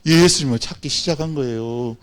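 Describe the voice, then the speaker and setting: A man's voice: mid-range voice, brisk. A man preaching a children's sermon, telling the story expressively and addressing the children directly. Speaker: children's pastor.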